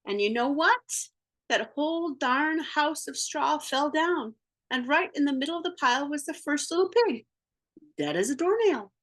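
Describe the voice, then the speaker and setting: A woman reads a picture book aloud with a high, bright-toned voice that leaps around expressively. She tells the tale as the wolf in first person, playful and theatrical, stretching words and adding sneezes and doorbell sounds. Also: animated, normal speed. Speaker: storybook reader.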